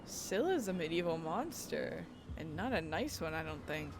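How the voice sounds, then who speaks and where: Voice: mid-range voice, very animated, normal speed, background noise. A let's play host giving casual, joking commentary over a horror game. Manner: joking, chatty asides.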